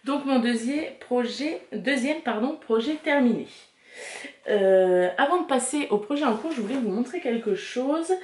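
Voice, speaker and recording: A woman's voice: a little high, lively intonation, a little slow, a little mellow. A woman in her thirties hosting a knitting video podcast at home, chatting casually to camera and rambling with many fillers and restarts. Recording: echoey home room.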